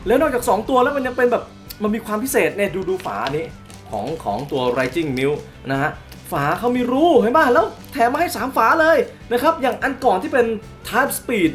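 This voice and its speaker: A young man hosting a casual toy unboxing review. He is excitable, exclaims often and hums little sound effects as he shows the box. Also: high voice. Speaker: toy reviewer, channel host.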